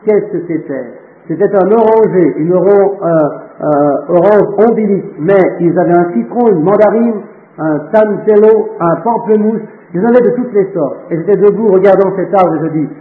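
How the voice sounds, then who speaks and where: A man preaching a sermon, fervent and slowing down to stress phrases, reading scripture aloud between remarks. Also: high-pitched. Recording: echoey, tinny phone-like audio.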